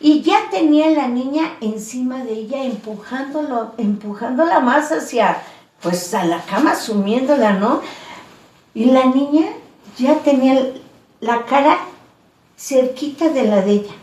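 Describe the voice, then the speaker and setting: A woman's voice: high voice, lively intonation, unhurried, a little mellow. A woman telling a scary story in a casual, chatty way, full of little fillers. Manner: conversational, many fillers like "pues" and "¿no?". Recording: echoey room, voice a bit far from mic.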